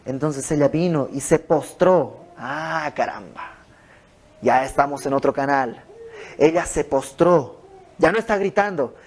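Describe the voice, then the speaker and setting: A man's voice: on the high side, unhurried. A man teaching an informal Bible study in a home, explaining verse by verse with conversational asides. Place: a private home.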